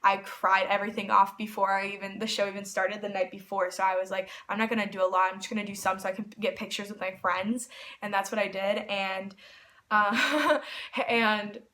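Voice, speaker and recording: A woman telling a story in a casual vlog, rambling and excitable, with lots of "like" fillers. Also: medium pitch, brisk. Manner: rambling, excitable, heavy use of "like". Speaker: vlogger.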